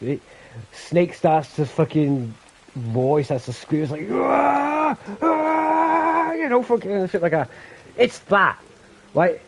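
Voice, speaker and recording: Male co-op gamer, slightly high voice, foul-mouthed and giggly, faint noise behind. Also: a little mellow, low-quality recording. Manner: swears a lot, laughs often, mimics gun noises. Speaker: gaming co-op player. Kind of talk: casual gaming chat.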